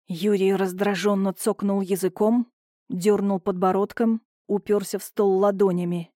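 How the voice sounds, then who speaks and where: A woman narrating an audiobook in a measured, expressive reading. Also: mid-range voice, dry recording, clean studio sound. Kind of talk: scripted narration.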